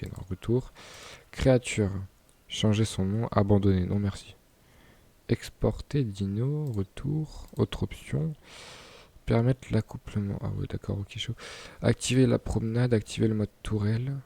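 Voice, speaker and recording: Young gamer guy, lowish mellow voice, relaxed chatty commentary with laughs. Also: creaky. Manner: chatty, laughs and stumbles over words. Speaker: gaming YouTuber. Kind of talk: casual gameplay commentary.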